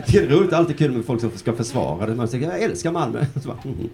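A man in his forties performs a loose, rambling stand-up set, swearing and dropping into mock voices. His mid-range voice is animated. He's on a comedy stage, with live laughter from the audience and heavy background noise behind him.

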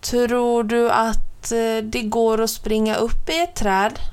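Gentle doubtful mother, as a woman reads her. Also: on the high side, little pitch movement, clean tone, lightly acted. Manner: soft, doubtful questioning. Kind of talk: storybook reading.

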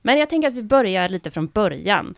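A woman hosting a podcast, reading a scripted introduction and then interviewing guests in a calm, measured, welcoming way. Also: medium pitch, creaky, no room sound, clean studio sound. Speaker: podcast host.

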